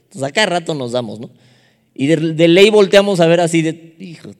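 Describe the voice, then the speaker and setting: Mexican male preacher, high voice, lively humorous storyteller, long hall echo. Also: brisk. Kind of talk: sermon.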